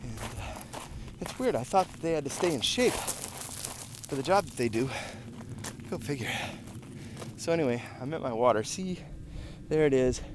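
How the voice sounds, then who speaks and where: An American man records a casual vlog while out running. He sounds tired from the effort and talks in loose, broken phrases with pauses. His voice sits at an average pitch, with clear outdoor noise around it. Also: expressive. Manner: talking while out on a long run, with pauses and breaks for breath. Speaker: running vlogger. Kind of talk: casual vlog chat to viewers. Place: outdoors on rural roads.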